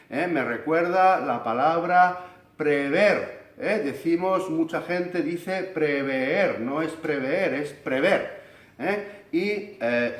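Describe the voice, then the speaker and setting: A man from Spain with a Spanish accent, explaining English pronunciation slowly and demonstrating long vowels. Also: a little high. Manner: slow, deliberate, stretches vowels to demonstrate. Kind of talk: explanatory video lesson. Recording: echoey room.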